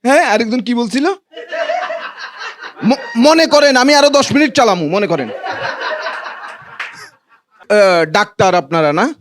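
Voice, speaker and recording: A Bangladeshi man with a notably high voice performs stand-up comedy. He talks colloquially to a live audience and teases them as he goes. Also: expressive, measured pace, pauses often, a crowd in the background. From Noakhali, Bangladesh. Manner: colloquial, teasing banter with the audience.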